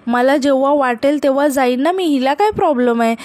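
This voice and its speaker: A woman voicing a quarrelsome young woman from a family serial, answering in sharp, indignant retorts. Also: high-pitched, fairly quick, no echo, close to an everyday voice. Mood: angry.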